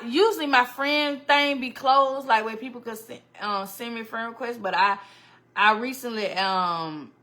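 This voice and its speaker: A woman hosts a casual livestream, chatting animatedly with her viewers, greeting them by name and laughing a lot. Her fairly high voice sounds pushed and bright.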